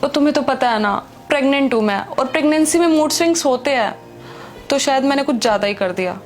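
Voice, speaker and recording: For a Hindi web skit, an actress plays a pregnant married woman secretly in love with another man, sounding pleading and defensive. Her high-pitched, expressive voice moves fast over soft background music.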